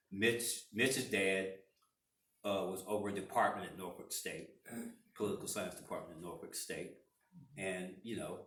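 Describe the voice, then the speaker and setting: A man's voice: low-pitched, a bit bright. A man in his sixties telling stories in a rambling way, with many restarts and fillers, during a church interview. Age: 60s. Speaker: interviewee, parishioner. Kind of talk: casual interview storytelling. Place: church room. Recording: echoey room, far from mic.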